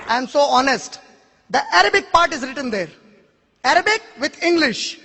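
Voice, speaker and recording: At a public question-and-answer lecture, a native Urdu-speaking man responds to an audience member with an emphatic argument, pressing pointed rhetorical questions and challenges. His very high, bright, forceful voice echoes with the long reverb of a big hall.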